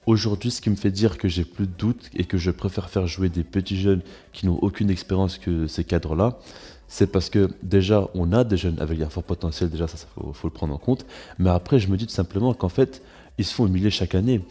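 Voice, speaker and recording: A man's voice: low voice, a little fast, mellow, husky. A man with a congested, blocked-nose sound gives informal, opinionated football commentary as a channel host, repeating words for emphasis.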